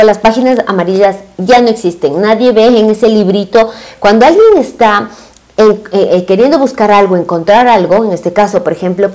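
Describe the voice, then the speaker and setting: A woman's voice: mid-range voice, darkish tone. A woman, giving a marketing webinar over a video call, explaining with fillers and rhetorical questions. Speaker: business and marketing consultant. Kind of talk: webinar presentation. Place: indoor room, small webcam inset.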